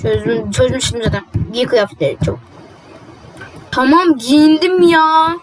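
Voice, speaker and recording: High-voiced woman doing a game roleplay. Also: a crowd in the background, poor audio. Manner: quick, exasperated muttering. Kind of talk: casual game roleplay, voicing several characters.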